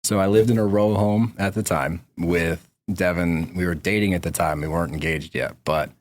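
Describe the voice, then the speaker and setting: A man's voice: deep voice, steady tone, moderate pace. A man talking as a podcast guest, telling stories in a laid-back, slangy way. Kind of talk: casual conversation.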